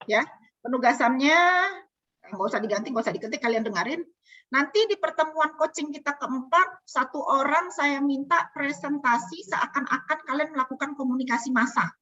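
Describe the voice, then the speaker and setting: A woman with an Indonesian accent coaching a group online, asking them questions in a lively teacherly way. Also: high-pitched, moderate pace, husky. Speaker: communication coach. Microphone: video call. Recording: dull lo-fi video call audio.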